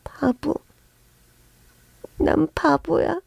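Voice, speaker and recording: A woman voicing a meek, childlike young wife in a spoken story. She speaks softly and breathily, her voice hushed and a little high. The sound is mellow and dry. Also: steady tone, extremely slow, vocal fry, dry recording, exaggerated voice. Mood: hurt. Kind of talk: narrated story with acted voices.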